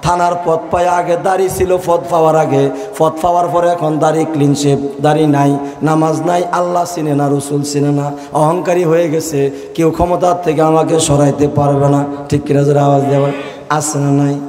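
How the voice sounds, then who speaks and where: A man preaching a waz sermon, chanting and shouting lines and calling on the crowd to answer back. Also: a little high, level tone, normal speed, soft background music. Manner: chanting, shouting refrains, calls crowd to respond. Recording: echoey outdoor PA with long reverb.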